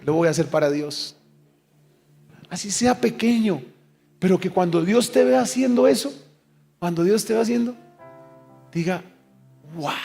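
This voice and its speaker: A middle-aged man preaching a sermon as pastor, emphatic and animated, leading call-and-response. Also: fairly high pitch. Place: church service.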